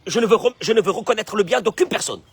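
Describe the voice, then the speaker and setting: A man's voice: high voice, lively intonation, quick pace, vocal fry, husky, no echo. A rabbi giving a Torah lesson with Hebrew quotations, who acts out the complaining voices he describes and keeps asking rhetorical questions. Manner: fond of rhetorical questions and repeating phrases.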